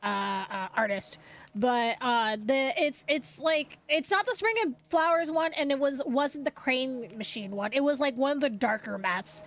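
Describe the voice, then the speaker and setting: A young woman streaming as a VTuber chats casually with her viewers, a bit sniffly from a cold. Her high voice is unhurried, and she rambles chattily with lots of fillers and restarts.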